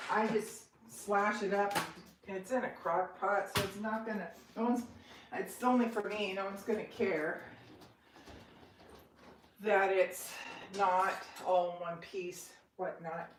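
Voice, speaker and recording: A woman vlogging from her home kitchen, chatting casually and rambling with self-deprecating asides as she cooks. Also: medium pitch. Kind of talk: casual live cooking chat. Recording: roomy, distant kitchen sound with faint noise.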